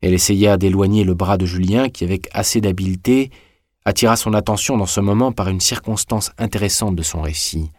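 A man narrating a classic novel in a measured, even reading. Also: low voice, no room sound, studio quality. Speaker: audiobook reader. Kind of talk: scripted audiobook narration.

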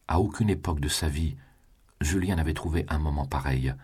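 A male narrator reads a classic novel aloud as an audiobook. His voice sits extremely low and comes out husky and breathy. He keeps an even, measured reading.

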